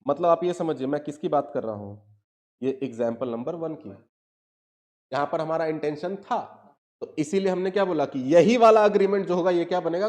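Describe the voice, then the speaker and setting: A man teaching a law class, often asking his students whether they follow. He reads legal definitions out slowly, word by word. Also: on the high side, darkish tone. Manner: asks students constant check questions; acts out both lawyers arguing in court.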